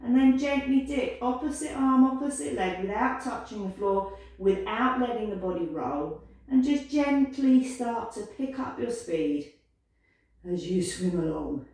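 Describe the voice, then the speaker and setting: Woman, pilates instructor, gentle encouraging cues, slightly high voice, very echoey room, off-mic. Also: expressive, measured pace, far from the mic. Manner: encouraging, gentle cueing, counts down aloud. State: slightly out of breath at times. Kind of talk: guided exercise class instruction.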